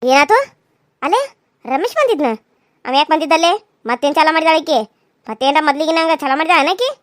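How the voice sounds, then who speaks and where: Cartoon mother-in-law, elderly village woman, sharp and suspicious, North Karnataka accent, lower than the other voices, put on by a woman, dry close sound. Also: expressive, quick pace, dry recording. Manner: scolding, rough village talk. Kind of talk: cartoon serial voice acting.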